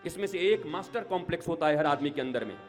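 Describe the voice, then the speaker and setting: Guru guy giving a devotional talk, voice on the high side, chatty but emphatic, bit of music behind. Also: lively intonation, fast talker. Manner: conversational, swinging into emphatic, rhythmic lists and repetition. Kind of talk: devotional sermon before an audience, with anecdotes.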